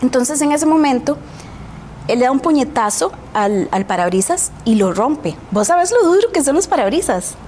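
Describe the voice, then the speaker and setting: A woman's voice: high voice, big pitch swings, normal speed, a little mellow, slight background noise. A woman with a Costa Rican accent, a guest on a TV talk show, earnestly telling her own story and often adding a questioning tag. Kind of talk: personal storytelling in a TV interview.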